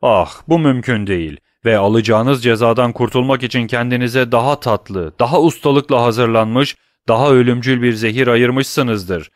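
A stern middle-aged prosecutor played by a male audiobook reader presses his accusations with a forceful, cutting voice. The reading sounds dry and close, with no room around it. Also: mid-range voice, moderate pace, few pauses, no room sound, close to an everyday voice. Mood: scornful.

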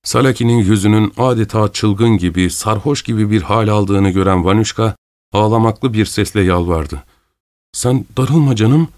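A man narrating a story aloud in a steady, even storytelling manner. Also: on the low side, moderate pace. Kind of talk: audiobook narration.

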